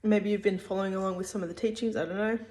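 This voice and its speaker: A woman's voice: medium pitch, steady tone, very fast, a little mellow. A woman giving a casual spoken religious teaching, hesitant, with many fillers and restarts.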